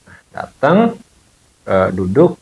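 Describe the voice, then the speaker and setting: A man's voice: fairly low pitch, very animated, takes it slowly, gravelly, darkish tone, poor audio. A man, a bone-setting therapist, casually telling viewers a story from his clinic, with lots of fillers and quoted dialogue.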